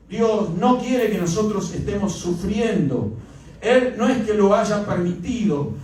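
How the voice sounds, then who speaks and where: A man's voice: sits high, darkish tone. A male pastor preaching a sermon, pressing each point hard and punctuating it with amens. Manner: emphatic preaching with repeated amens. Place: church. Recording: echoey church hall, mic far off.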